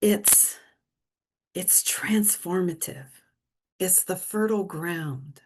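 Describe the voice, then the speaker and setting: A woman's voice: on the low side, slow pace, darkish tone, husky. A middle-aged woman minister giving a sermon in an earnest, conversational way, often restarting her sentences.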